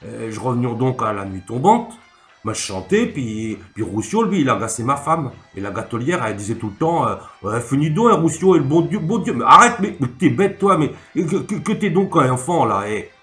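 A man voicing a clumsy peasant man who rambles in thick country dialect, stammering and halting. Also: medium pitch, big pitch swings, fairly bright tone, pitched above the performer's own voice. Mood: rambling. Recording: echoey room, faint music.

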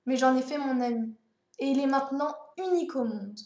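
A woman voicing the little prince, a gentle, curious boy who asks earnest questions. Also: high-pitched, brisk, roomy sound, voice pushed up, close to an everyday voice.

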